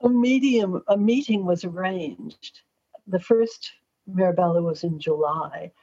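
In slightly dull, lo-fi audio, an American astrologer and columnist from Los Angeles, middle-aged or older, tells anecdotes conversationally as a candid, talkative interview guest. She speaks at a measured pace in a warm, low voice with a breathy edge.

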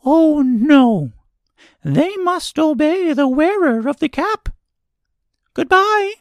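Very high, squeaky little mouse queen. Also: sing-song, slow, no echo, exaggerated voice. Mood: brisk warning. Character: tiny female mouse queen, squeaky, helpful and brisk. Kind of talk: storybook character voice.

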